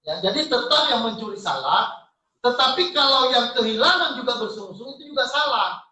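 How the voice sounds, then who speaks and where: Man preaching, very high voice, sharp bright tone, far off in an echoey church hall. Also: fairly quick. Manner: lively, jokey preaching with congregation call-outs. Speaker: pastor. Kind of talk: sermon.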